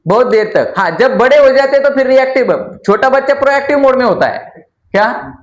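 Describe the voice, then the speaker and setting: A man with a high voice teaches a room full of students. He talks in a chatty, familiar way and keeps quizzing the class so they finish his points. The classroom is bare and echoey. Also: animated, brisk. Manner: chatty, calls listeners "yaar". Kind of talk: classroom lecture.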